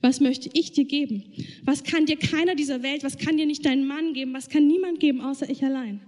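High-voiced woman preaching, earnest. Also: fairly even intonation, fairly quick, a little mellow, in a large hall. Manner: earnest, addresses listeners directly. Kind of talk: sermon.

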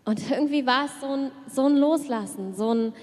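A woman pastor preaching an earnest sermon, dropping to a hush at prayerful moments. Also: sits high, brisk. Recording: long reverb of a church hall.

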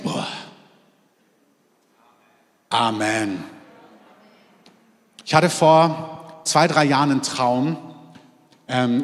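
A man preaching a sermon to his congregation, lively, moving between loud exclamations and quiet, intimate asides. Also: fairly high pitch, big-room sound. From half French, in Germany. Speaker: pastor. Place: church hall.

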